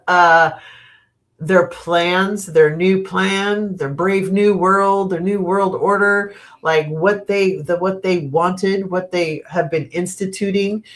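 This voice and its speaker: Her pitch fairly low but her tone fairly bright, a middle-aged American tarot reader runs a relaxed live stream at home. Allergies have her stuffed up and sniffling. She meanders slowly, thinking out loud with lots of fillers and restarts, and laughs at her own asides.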